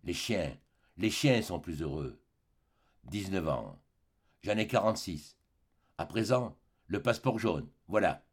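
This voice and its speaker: A man reading the part of a weary ex-convict in his forties in an audiobook, low and bitter. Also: expressive, moderate pace, husky.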